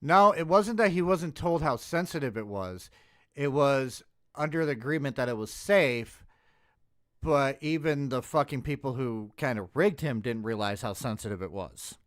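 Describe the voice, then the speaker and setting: A man's voice: mid-range voice, lively intonation, normal speed, no echo, studio quality. A man hosting a stream, reacting to a video in a blunt, profane casual rant that often breaks off mid-word. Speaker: streamer host.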